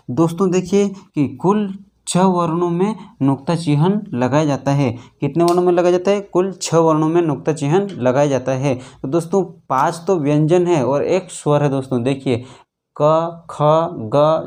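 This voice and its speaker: Repetitive Hindi grammar teacher, darker tone. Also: male voice, on the high side, dark tone. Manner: repetitive, asks and answers own questions, addresses "friends"; halting, restarts phrases while writing. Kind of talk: exam-prep grammar lesson.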